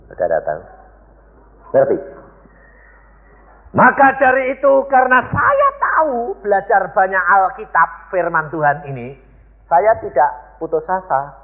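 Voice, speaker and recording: A male pastor preaching a sermon with emphatic delivery, often asking the congregation rhetorical questions. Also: fairly high pitch. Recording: echoey hall, thin phone-like sound.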